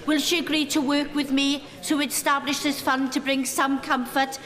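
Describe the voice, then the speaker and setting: A woman's voice: sits high, little pitch movement, normal speed, fairly bright tone. A woman making a formal, earnest parliament speech. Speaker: member of parliament. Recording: echoey chamber with crowd murmur.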